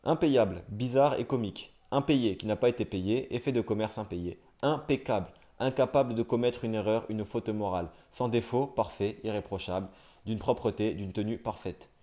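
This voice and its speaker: A young man streaming live, reading dictionary entries aloud at a brisk clip and breaking off for wry, self-mocking asides. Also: on the low side, mellow. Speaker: livestreamer.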